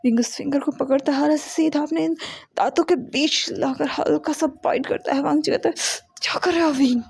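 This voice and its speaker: A woman narrating a romance story in a steady, explanatory way. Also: high voice, brisk, vocal fry.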